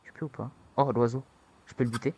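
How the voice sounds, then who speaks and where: A young man giving casual let's-play commentary, taunting and excitable, with sudden high-pitched yelps. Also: fast, background noise. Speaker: gaming youtuber.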